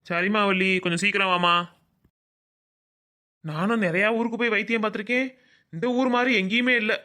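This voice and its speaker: A man's voice: high voice, fairly even intonation, brisk, pushed and bright. A man voicing a kindly, hapless village doctor in a cartoon comedy, patient and fatherly, with a Madurai Tamil accent. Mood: puzzled.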